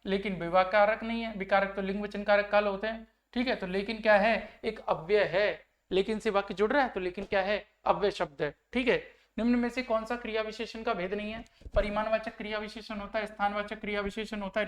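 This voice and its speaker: Acting out example sentences to make his explanations clear, a man teaches grammar in an online exam-prep session and keeps asking students whether they're following. His voice sits high with a fairly bright tone.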